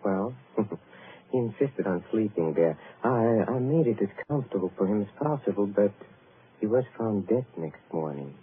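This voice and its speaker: An actor playing a suave, sinister count who tells dark tales of his accursed family, in 1940s radio acting style. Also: expressive, normal speed, slight background noise, natural voice. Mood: ominous. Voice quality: deep and theatrical, with sly chuckles. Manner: suave storytelling turning darkly ominous. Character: sinister aristocratic count, old accursed family, menacing host. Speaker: count, lord of a chateau. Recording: tinny old radio broadcast.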